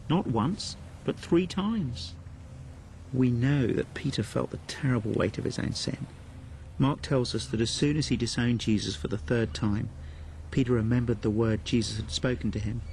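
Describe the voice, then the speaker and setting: A man presenting a scripted Bible teaching talk in an earnest, measured, reflective manner. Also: medium pitch, darkish tone, slight background noise.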